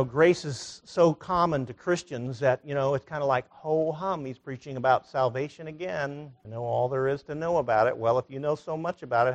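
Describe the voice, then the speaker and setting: A man preaching a sermon in a conversational way, full of rhetorical questions, dropping soft and low, then rising loud and high.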